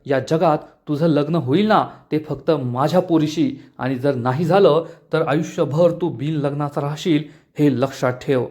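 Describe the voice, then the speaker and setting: A man's voice: a little high, moderate pace, few pauses, darkish tone, close to an everyday voice. A domineering middle-aged politician hurls threats, as a man narrating a soap recap puts him on. The tone is menacing and heavy. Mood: threatening.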